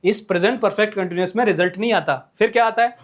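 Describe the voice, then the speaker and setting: A man teaching an English grammar lesson in Hindi, repeating each point and often checking whether the viewers, whom he calls friends, have understood. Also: high voice. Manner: repetitive, checks in with "clear hai na?"; slows down while writing examples.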